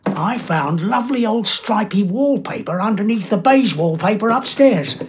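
A man's voice: high-pitched, expressive, normal speed, slight background noise. An actor playing a fussy, jolly and slightly pompous stepfather, keen on home restoration. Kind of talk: drama acting.

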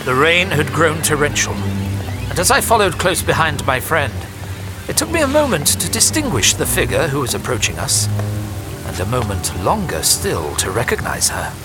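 Doctor Watson, expressive and swooping. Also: male voice, fairly high pitch, normal speed. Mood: grave, suspenseful. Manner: formal, dramatic storytelling. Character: loyal, excitable, indignant Victorian doctor narrating adventures. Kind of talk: period audio drama acting and narration. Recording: rain and music behind. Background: music, heavy rain.

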